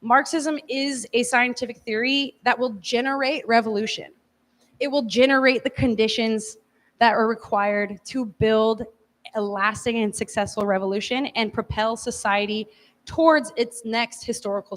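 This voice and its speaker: A woman's voice: a little high, steady tone, moderate pace, fairly bright tone. A woman giving an informal lecture to a class in a casual, hedging way, speaking in a large echoey room. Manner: casual, hedging, often says like. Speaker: teacher leading a class. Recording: echoey hall, long reverb.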